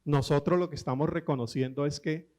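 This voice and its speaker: Lively preacher, slightly high voice. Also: male voice. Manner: storytelling with quoted voices and humor; lively, slows down for emphasis. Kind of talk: sermon.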